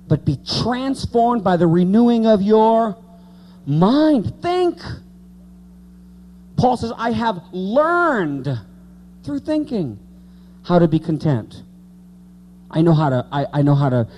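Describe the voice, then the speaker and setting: Speaking to his congregation in a warm, high voice, a man in his late thirties gives a casual evangelical sermon and repeats key words for emphasis. A slight background noise is audible.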